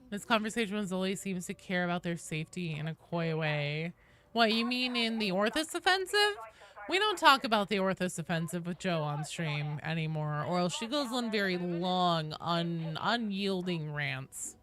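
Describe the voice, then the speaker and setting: Chatting to viewers while she games on a livestream, a woman jokes around playfully and swears now and then. Her lowish, fairly bright voice is animated and moves at a moderate pace.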